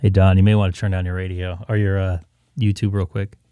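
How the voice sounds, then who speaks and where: A man's voice: deep voice, level tone, brisk, warm tone, smooth, no room sound. A man who is tired and hungover with a headache, chatting casually and apologetically as he runs a live-streamed ham radio session.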